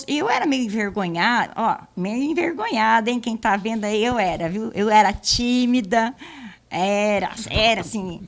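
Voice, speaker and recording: A middle-aged woman giving a church testimony, telling her story in a casual, lively way and acting out the dialogue. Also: fairly high pitch.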